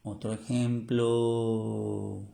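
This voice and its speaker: A man teaching an online French class, slowly repeating each sound and word for his students to memorize. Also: lowish voice, level tone, gravelly, warm tone. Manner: slow, repetitive drilling of pronunciations.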